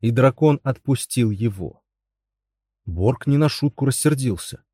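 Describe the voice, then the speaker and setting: Role: male audiobook narrator. Tone: dark, mellow. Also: medium pitch, no echo, studio quality. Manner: even, measured storytelling.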